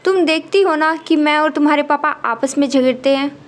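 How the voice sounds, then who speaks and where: A frustrated young wife and mother who answers her husband with sharp reproach, voiced by a woman reading a storybook. Her voice is high and light. It stays close to the narrator's own plain tone. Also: moderate pace, close to an everyday voice. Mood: gentle.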